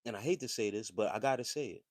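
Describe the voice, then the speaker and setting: A man's voice: mid-range voice, fast, a little mellow, no room sound, clean studio sound. A man hosting a livestream, talking casually and reading chat messages in a loose, slangy, conversational way. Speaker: livestream host.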